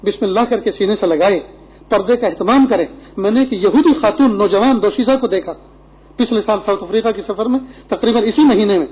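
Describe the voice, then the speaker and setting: A middle-aged man delivers an earnest, instructive Friday sermon, weaving in Arabic quotations. His voice sits high and breathy. The recording is thin and phone-like. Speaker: preacher.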